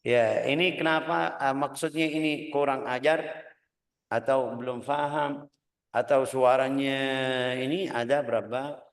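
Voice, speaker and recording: A man, teaching a hadith lesson in an animated, informal way and often mimicking loud calls. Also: medium pitch, measured pace, pauses often, roomy sound. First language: Arabic. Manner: animated, mimics loud shouting, mixes in Arabic recitation.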